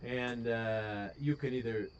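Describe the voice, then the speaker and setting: A man's voice: mid-range voice, slow pace, muffled recording, a little hiss or hum. Rambling Wisconsin man hosting a stream. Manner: rambling, full of ums and uhs. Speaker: host. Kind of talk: casual live-stream commentary.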